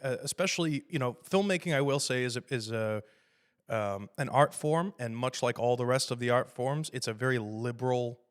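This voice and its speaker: A man hosting a casual podcast about film, talking with loose, rambling energy. He swears freely, gets animated and laughs along with his own stories. His voice sits in an ordinary middle pitch. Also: normal speed, smooth. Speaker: podcast host.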